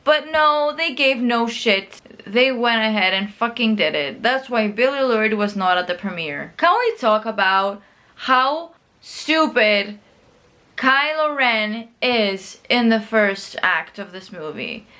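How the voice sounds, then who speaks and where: A young adult woman ranting in casual, sweary video commentary, sounding drunk, indignant and emphatic, with drawn-out words. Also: fairly high pitch, lively intonation, bright, forceful tone. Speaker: film fan giving a rant.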